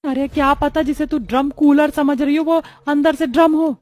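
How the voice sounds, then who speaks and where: A woman's voice: high-pitched, steady tone, a little mellow, pitched above the performer's own voice, natural voice. A woman voicing a gossipy middle-aged neighbour who stirs up alarm. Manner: dramatic, gossipy, drawn-out calling.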